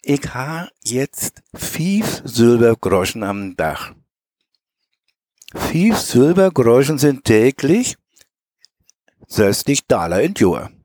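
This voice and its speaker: Storyteller, male, strong Mecklenburg Low German accent, homely reading with small stumbles, dry close recording. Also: big pitch swings, slow, long pauses, darkish tone, no room sound. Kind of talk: reading a memoir tale aloud.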